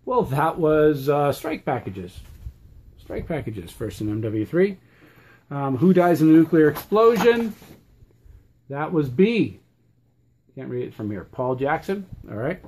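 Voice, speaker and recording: Blunt man teaching, slightly high voice. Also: big pitch swings, unhurried, long pauses, darkish tone, slight background noise. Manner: blunt and plain-spoken, ends points with a checking "okay?". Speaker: presenter teaching anger management and quizzing viewers. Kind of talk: casual instructional talk.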